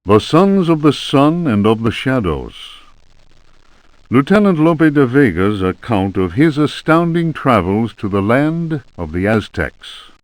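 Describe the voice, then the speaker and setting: A man's voice: medium pitch, sing-song, unhurried, dry recording. A man playing a grave, ominous reader of occult books in a horror game, narrating with portentous, hammy bad acting. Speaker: narrator reading book titles in a video game. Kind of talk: theatrical scripted narration.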